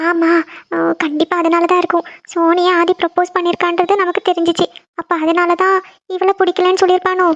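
A woman's voice: very high-pitched, muffled recording. A woman voicing a caring young woman who coaxes her crying friend with repeated questions in a cartoon. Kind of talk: cartoon voice acting.

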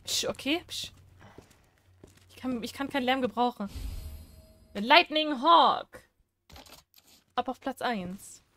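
A woman's voice: high voice, expressive, slow, pauses often, bright, forceful tone. A young woman commenting on a horror game, chatty and jumpy, talking to herself and the characters. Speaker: let's play gamer.

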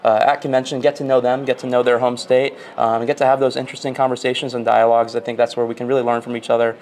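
Fast-talking earnest young man. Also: mid-range voice, little pitch movement, a little mellow. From Florida. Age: young adult. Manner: friendly, earnest, many uh fillers. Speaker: interview guest, national student officer. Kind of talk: casual interview answers. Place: large hotel convention hall.

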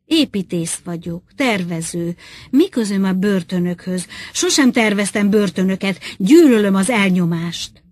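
A woman's voice: medium pitch, expressive, darkish tone, no room sound, natural voice. A woman reading the lines of a captured male architect in an audiobook, protesting sharply. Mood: indignant.

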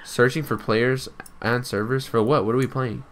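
A young man streaming a game, chatting casually in a joking, teasing way with bursts of shouting. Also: medium pitch, fairly even intonation, moderate pace, slight background noise. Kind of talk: casual gaming chat.

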